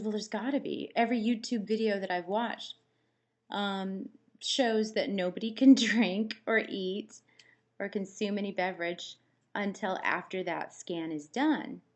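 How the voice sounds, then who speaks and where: A woman with a dry mouth, recovering after surgery, chatting casually to camera in a rambling, anecdotal way. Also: mid-range voice. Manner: rambling, anecdotal, acts out quoted exchanges. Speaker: vlogger. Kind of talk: casual chat to camera, personal storytelling.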